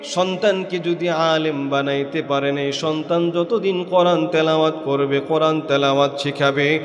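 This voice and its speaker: A Bangladeshi man preaching an Islamic sermon in a melodic chant, exhorting listeners and swinging into loud cries. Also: on the high side, fairly even intonation, moderate pace, faint music behind. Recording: echoey PA with long reverb.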